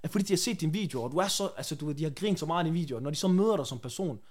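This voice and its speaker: Slangy young man, laughing guest. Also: on the high side. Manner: slangy, laughs often, animated storytelling. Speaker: guest, prank content creator. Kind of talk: casual podcast interview.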